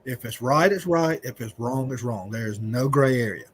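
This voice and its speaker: A man's voice: medium pitch, lively intonation, moderate pace, a little hiss or hum. A man in a casual podcast chat, plain-spoken and wry, with some swearing.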